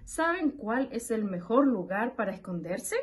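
A woman's voice: a little high, very animated, measured pace, husky, heavily acted. A woman voicing a sly, scheming male fox in a children's storybook, smug and sneering.

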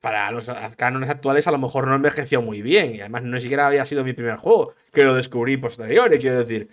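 A man talks through a solo podcast episode in a loose, rambling way. His voice sits at an ordinary middle pitch. He trips over his words, restarts phrases and swears freely as he chats. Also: fast. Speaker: podcast host, gaming streamer. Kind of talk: casual solo podcast monologue.

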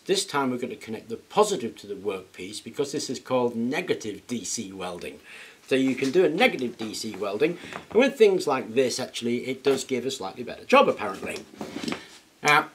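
It's a casual demonstration: a workshop video host, a middle-aged man of medium pitch, talks through a project in a relaxed, hands-on, self-deprecating way. Background noise fills the indoor workshop.

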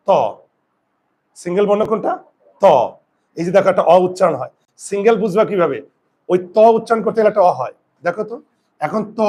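A male grammar teacher giving a classroom lesson, asking his students questions and answering them himself, sometimes dropping to a low quiet voice for asides. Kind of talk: classroom lesson explaining pronunciation.

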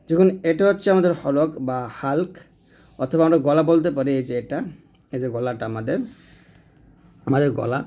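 A man, teaching a recitation lesson slowly and drawing out sounds to demonstrate them. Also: fairly high pitch, darkish tone. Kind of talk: explanatory lesson.

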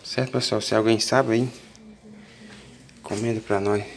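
A man's voice: lowish voice, fairly even intonation, a little slow, gravelly, slight background noise. A man with a Northeastern Brazilian accent, chatting casually to viewers about his garden in a folksy, plain-spoken way. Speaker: vlogger. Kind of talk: casual plant vlog.

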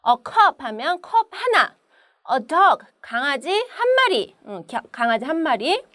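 A woman's voice: sits high, big pitch swings, takes it slowly, fairly bright tone, dry recording. A woman teaching a patient online grammar lesson, asking questions and answering them herself step by step. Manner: patient, explains step by step, asks and answers her own questions.

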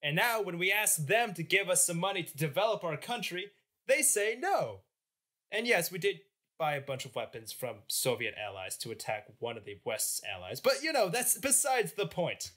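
A man's voice: sits high, big pitch swings, moderate pace, sharp tone, pitched above the performer's own voice, exaggerated voice. A man voicing an indignant national leader. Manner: indignant, self-righteous. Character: defiant middle-aged male national leader, self-justifying.

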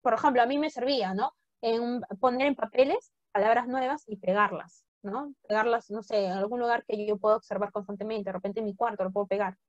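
A woman's voice: on the high side, steady tone, brisk, few pauses, no room sound. A woman teaching English in Spanish with a Peruvian accent, speaking to her students over a video call in a chatty, encouraging way and often tagging her sentences with rhetorical questions. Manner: chatty, encouraging, many rhetorical "right?" tags. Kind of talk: online class talk to students. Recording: dull, dry video-call audio.

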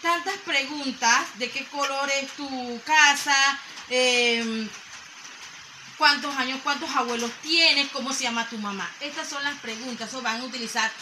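A woman's voice: sits high, unhurried. A woman teacher giving a lesson to young children, patiently repeating each point. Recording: echoey room with faint noise.

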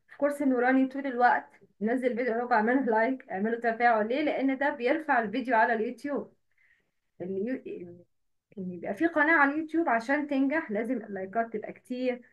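A woman with an Egyptian Arabic accent teaching a livestream lesson, explaining step by step and repeating terms slowly. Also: fairly high pitch, highs cut off.

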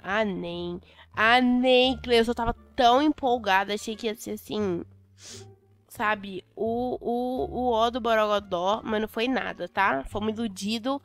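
A young adult Brazilian woman commentating a Roblox game, chatty and excitable, repeating words in bursts. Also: a little high, measured pace. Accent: Brazilian Portuguese. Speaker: Roblox gameplay host. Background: faint music.

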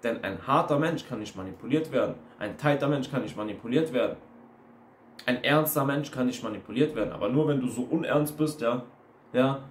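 Blunt man ranting in an echoey room. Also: medium pitch. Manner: blunt, ranting, emphatic repetition. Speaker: online coach. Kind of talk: casual monologue video. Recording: roomy with faint noise.

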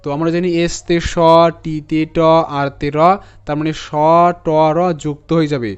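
A man's voice: on the high side, flat delivery, darkish tone, clean tone. Man spelling out phonics step by step. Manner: spells words out letter by letter, repeats sounds slowly. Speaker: English teacher. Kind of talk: phonics lesson.

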